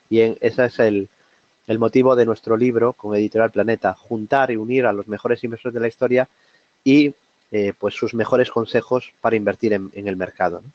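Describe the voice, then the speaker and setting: A man with a Spanish accent from Spain presents a trading seminar, his throat sore. He talks in a halting, conversational way, full of fillers and restarts, at a mid pitch. The sound is dull and dry, like webinar audio. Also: no room sound. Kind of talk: live market analysis webinar.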